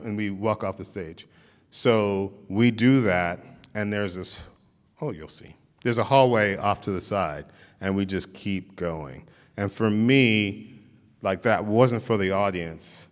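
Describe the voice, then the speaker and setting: Low-voiced man telling stories in a hall. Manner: informal, restarts often, says "like" a lot. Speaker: visiting artist giving a talk. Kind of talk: storytelling lecture to an audience.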